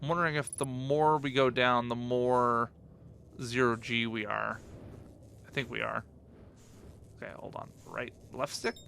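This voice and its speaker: Bright-voiced man narrating a game. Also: mid-range voice, flat delivery, unhurried, gravelly, pauses often, a little hiss or hum. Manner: curious, thinking aloud, enthusiastic. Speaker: gaming channel host. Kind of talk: casual let's-play commentary.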